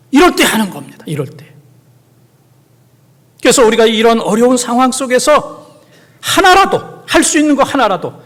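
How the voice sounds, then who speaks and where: A middle-aged male senior pastor preaching a Sunday sermon, swinging from soft near-whispers to loud, urgent exhortation and scolding his congregation directly. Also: extremely high pitch. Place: large church sanctuary. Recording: church hall reverb.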